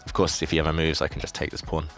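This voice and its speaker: Low-voiced self-mocking man streaming chess. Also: monotone, very fast, creaky, fairly bright tone, faint music behind. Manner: self-deprecating, chatty, reads chat questions aloud. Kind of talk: casual live-stream commentary.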